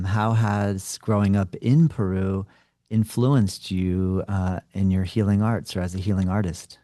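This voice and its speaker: A man with a low, mellow voice hosts a casual interview podcast, speaking in a friendly way with frequent "uh"s. The sound is dry and close. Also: dry recording. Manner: friendly, many fillers. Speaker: podcast host.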